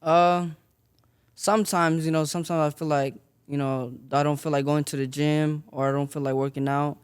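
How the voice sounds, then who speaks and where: A man's voice: fairly high pitch, level tone, moderate pace, clean tone. A young man from Las Vegas, giving modest, filler-laden answers as a boxer in an interview. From Las Vegas, Nevada. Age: young adult. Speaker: boxer guest.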